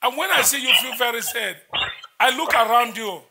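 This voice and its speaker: A man's voice: extremely high pitch, moderate pace, creaky, sharp tone. A man, preaching as a prophet in a church service, intense and repetitive as he declares prayers.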